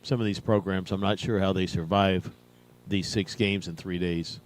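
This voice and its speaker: A man's voice: low voice, steady tone, moderate pace, a little hiss or hum, poor audio. A man giving conversational live commentary on a baseball broadcast. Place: at a baseball ballpark.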